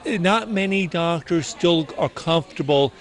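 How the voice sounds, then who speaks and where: Middle aged guy doctor being interviewed, bit high voice, earnest, kinda hesitant. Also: unhurried. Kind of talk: interview answers.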